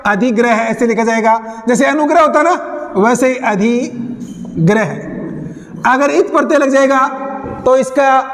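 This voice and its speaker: A male Hindi grammar teacher lecturing a class, quizzing students with repeated questions and spelling words out slowly. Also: very high voice, in a large hall.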